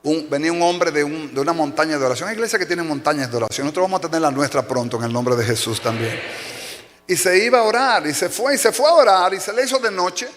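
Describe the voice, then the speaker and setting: A man preaching a sermon as pastor, telling stories with acted-out cries and shouts. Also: on the high side, quick pace, slight background noise. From Dominican Republic. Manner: animated storytelling, acting out shouts and cries. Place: church sanctuary. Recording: long hall reverb.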